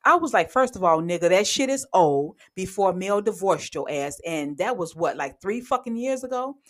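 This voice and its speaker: A woman giving blunt, sarcastic, heavily profane commentary on reality TV gossip, speaking with sudden animated outbursts. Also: on the low side, moderate pace. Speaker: commentary vlogger.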